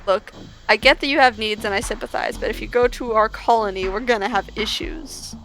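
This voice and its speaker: A woman voicing a hefty, blunt slug cat creature in a game, speaking in a flat, matter-of-fact way. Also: a little high, brisk, faint music behind, natural voice, low-quality recording. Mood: stern.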